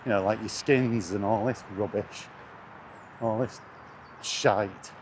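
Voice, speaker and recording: Outdoors near traffic, amid street and vehicle sounds, a British gaming vlogger on a walk launches into a casual, scornful, sweary rant delivered bluntly. His lowish voice is steady in tone and slow in pace.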